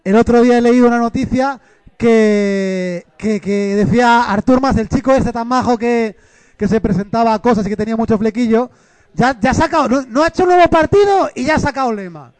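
A man's voice: very high voice, brisk, a little mellow, no echo. A man co-hosting a casual comedy chat, joking and rambling with many restarts. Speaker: co-host.

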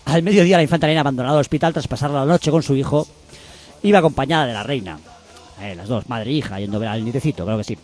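A man hosting a comedy show, reading the news aloud with sardonic, deadpan asides. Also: mid-range voice, racing, faint music behind. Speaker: host.

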